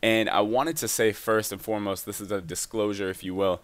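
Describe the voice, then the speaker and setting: A young man chatting casually over gameplay, giving fitness and nutrition advice in an energetic voice-over. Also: on the low side, brisk.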